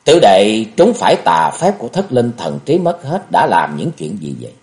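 A man's voice: mid-range voice, very animated, moderate pace, vocal fry. A man voicing an anguished young male swordsman who pleads and cries out, in an audiobook reading. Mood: insistent. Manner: pleading, shouts in grief.

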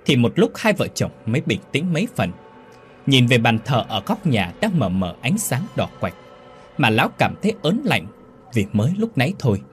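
Man narrating a suspenseful ghost story. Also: mid-range voice. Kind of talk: scripted horror story narration.

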